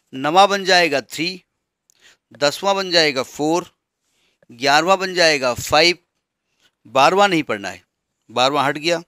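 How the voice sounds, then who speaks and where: A man teaches maths in a bright, fairly high voice. He counts steadily through question numbers and keeps checking that his students follow. The sound is close and dry, with no room echo. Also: clear, resonant tone. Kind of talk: classroom lesson explaining textbook changes.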